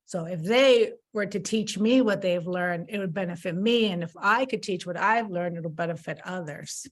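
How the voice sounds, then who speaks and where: A woman in her fifties with a fairly low voice talks at normal speed as a podcast guest, honestly recounting mistakes she's made. In this candid, conversational interview, she often restarts, repeating words along the way.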